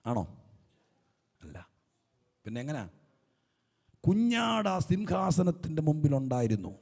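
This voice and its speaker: Gravelly preacher man swinging hushed to shouting. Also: a little high, sing-song, a little slow. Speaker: pastor. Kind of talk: Pentecostal sermon. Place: church hall. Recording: reverberant church hall.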